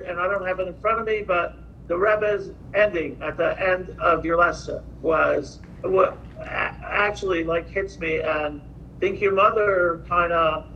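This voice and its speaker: A man speaking hesitantly with many fillers on a video call, his audio choppy, cutting out and uneven in volume. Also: on the high side. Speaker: class participant. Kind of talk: casual comment in an online class. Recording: dull lo-fi call audio with faint noise.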